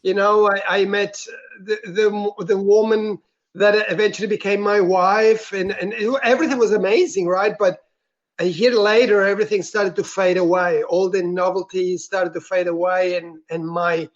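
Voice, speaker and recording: A Swiss man with a high-pitched voice, speaking as an interview guest, tells his personal story earnestly and reflectively in a soft-spoken way. His delivery is flat at normal speed, and the recording is dull and lo-fi.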